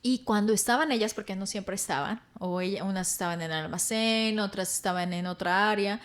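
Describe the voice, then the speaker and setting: A middle-aged woman with a Mexican accent, a guest telling lively stories in a casual interview, acting out quotes and laughing often. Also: medium pitch, fairly quick.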